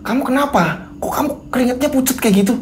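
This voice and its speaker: Caring young wife put on by the narrator, anxious and fussing, a little higher. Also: male voice, animated, quick pace, slight background noise. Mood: worried. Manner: concerned, fussing.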